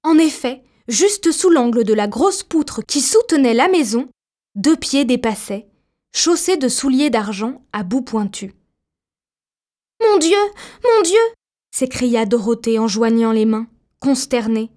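A woman reading a children's story aloud in a measured, expressive way. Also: fairly high pitch.

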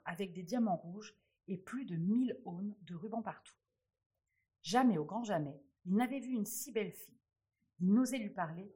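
A woman reading a fairy tale aloud with expressive storytelling. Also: medium pitch, breathy edge.

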